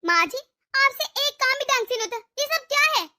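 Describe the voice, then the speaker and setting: A woman's voice: very high voice, brisk, pushed and bright. A woman voicing a bossy, impatient young daughter-in-law in a cartoon, scolding sharply. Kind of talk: cartoon dub voice acting.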